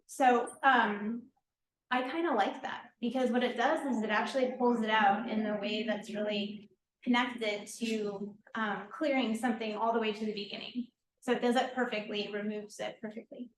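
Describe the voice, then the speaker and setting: A woman with a fairly high voice gives a chatty, earnest workshop talk as a holistic therapist, often pausing on fillers. She was recorded in an echoey room with faint ambient noise behind her. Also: fairly even intonation. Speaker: lymphatic therapist and holistic healer leading a workshop. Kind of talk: informal workshop lecture. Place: event space at a market and deli.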